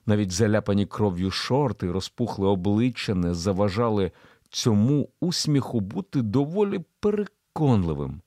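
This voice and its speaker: A man narrating a thriller audiobook in an expressive storytelling delivery. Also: lowish voice, dry recording, studio quality.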